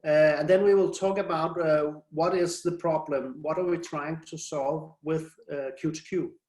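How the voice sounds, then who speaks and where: Middle-aged man, slow pace, halting online presenter, echoey video-call room. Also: on the high side, steady tone, darkish tone. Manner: hesitant, halting, speaking English. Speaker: presenter, IT and design specialist. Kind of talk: online presentation, interpreted in pauses.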